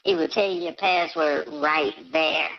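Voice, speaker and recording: A man's voice: on the high side, big pitch swings, measured pace, gravelly, dull audio, crowd noise. An anonymous male caller talking through a voice changer, chill and offhand as he confesses on a call-in show. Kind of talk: casual phone-in confession.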